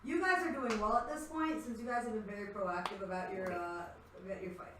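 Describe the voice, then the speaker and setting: A woman's voice: medium pitch, fairly quick, background noise. A young woman narrating a tabletop game as game master, casual and laughing, swearing freely. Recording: echoey room, mic at a distance.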